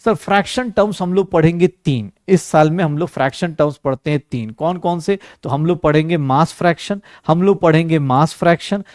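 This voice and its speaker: High-voiced joking Hindi-speaking male teacher. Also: brisk, few pauses, a little mellow, dry recording. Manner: joking, addresses students as beta, acts out quoted students. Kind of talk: classroom chemistry lecture.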